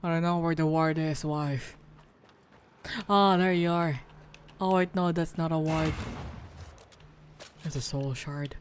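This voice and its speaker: A man from the Philippines rambles slowly through a game stream, joking and swearing as he plays. His voice is close on a desk mic with faint background noise. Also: on the high side, fairly even intonation. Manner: rambling, joking, swears and laughs while playing. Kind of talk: casual gameplay commentary.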